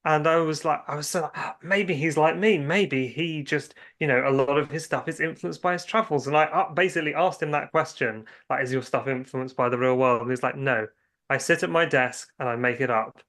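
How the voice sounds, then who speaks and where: Appearing as an interview guest, a male writer and filmmaker talks loosely about his creative projects through meandering stories with halting starts. His voice is fairly high, a bit bright, and slightly quick.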